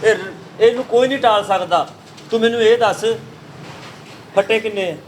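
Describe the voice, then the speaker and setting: A man's voice: sits high, normal speed, slight background noise, poor audio. A man playing a caterer in a comic sketch, brash and teasing as he takes an order.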